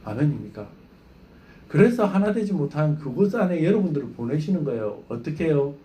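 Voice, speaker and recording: A man's voice: on the high side, big pitch swings, fairly quick, mellow, a little hiss or hum. A man preaching a Sunday sermon as pastor, telling a story with acted-out dialogue and questions to the congregation. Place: church sanctuary.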